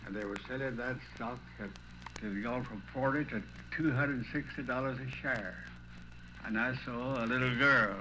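In this oral history, a retired small-town banker from Tennessee spins stories from his past with a folksy Southern lilt, voicing the people in remembered exchanges. The older man speaks in a mid-range voice over a noisy background.

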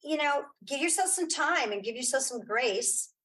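A woman who is a podcaster and audio drama creator chats casually as an interview guest, emphatic and encouraging, repeating phrases to drive her point home. Her high-pitched, fairly bright voice has lively intonation at a moderate pace. The audio quality is poor.

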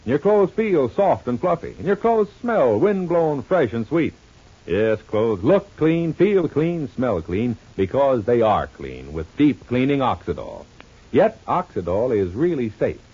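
On an old radio show, a man with a warm, slightly rough, mid-range voice announces in a sing-song, somewhat slow manner. He eagerly pitches a product and introduces the serial like a salesman. The recording is a muffled old radio transcription with music and that vintage broadcast sound.

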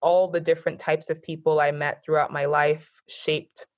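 A guest in an informal conversation, the woman has an American accent and comes from a background of being born in Japan, Nigerian, and raised in the US. She talks reflectively, filling pauses often, in a deep voice at normal speed with a flat delivery.

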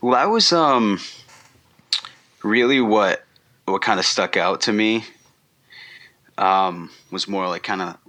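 A man guesting on a podcast, talking in a relaxed, rambling way with many ums and restarts. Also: fairly low pitch, slow, pauses often. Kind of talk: casual interview chat.

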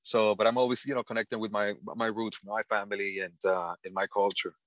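A man's voice: fairly low pitch, level tone, a bit bright, no echo. Earnest middle-aged Dominican man. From Dominican Republic. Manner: earnest, halting, with frequent restarts. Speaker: panel guest. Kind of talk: casual conversation.

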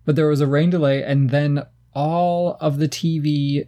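A man's voice: a little high, unhurried. A man in his thirties co-hosting a casual podcast, telling stories in a playful, irreverent way. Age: 30s. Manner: animated storytelling, playful and irreverent. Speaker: podcast co-host. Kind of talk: casual chat.

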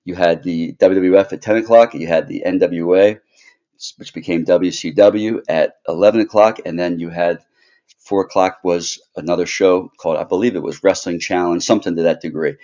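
A man's voice: deep voice, fairly even intonation, normal speed, warm tone, dull audio. A middle-aged American man from Maryland reminiscing casually as a podcast guest. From Maryland, United States.

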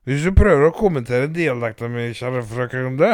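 A man voicing a loud, crude country woman who rambles, swears and boasts. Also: medium pitch, lively intonation, no echo, clean studio sound, lightly acted. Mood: indignant.

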